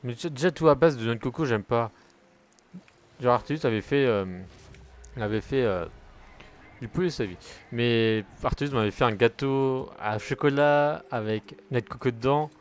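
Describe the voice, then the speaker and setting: Streaming a car football game, a young man chats casually as gaming commentary, wandering from one topic to another and cursing whenever a play fails. He speaks at normal speed in a medium-pitched voice with a clean tone.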